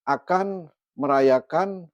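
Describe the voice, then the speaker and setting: A man interviewing his former school principal, speaking respectfully with frequent fillers and drawn-out phrases. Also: a little high, dry recording, muffled recording. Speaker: interviewer, alumnus. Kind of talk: casual interview.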